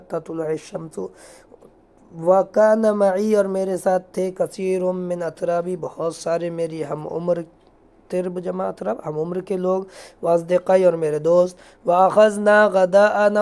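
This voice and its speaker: A male Arabic teacher giving a beginners' lesson, reading each phrase slowly and then explaining it. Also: high voice, a little mellow. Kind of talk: line-by-line reading and translation lesson.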